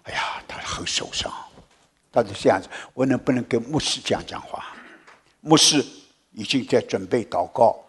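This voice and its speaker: A man preaching a sermon and telling a story to his congregation, jumping from loud exclamations to hushed whispers and mixing English words into his preaching. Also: mid-range voice, normal speed. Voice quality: very husky.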